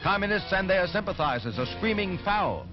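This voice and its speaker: A man's voice: high-pitched, big pitch swings, moderate pace. A man giving dramatic, emphatic 1940s newsreel narration, heard as old newsreel sound. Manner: dramatic, emphatic announcer delivery. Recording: dull lo-fi film soundtrack with music.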